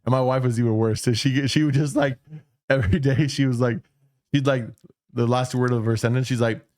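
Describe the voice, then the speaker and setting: A man's voice: medium pitch, steady tone, a little fast, darkish tone, no echo, studio quality. A man co-hosting a podcast in casual chat, rambling and swearing, often restarting his sentences. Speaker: podcast co-host.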